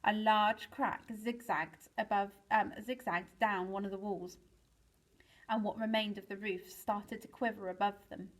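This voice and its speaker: A woman teacher reads a children's chapter book aloud at a middle pitch. Her storytelling is lively, and she swings her voice up for the exciting moments. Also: unhurried, poor audio. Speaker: teacher reading to pupils.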